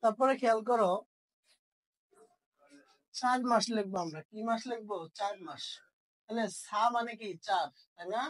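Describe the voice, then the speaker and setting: A woman's voice: fairly high pitch, normal speed, long pauses, poor audio. A woman teaching an online language lesson, asking questions and answering them herself.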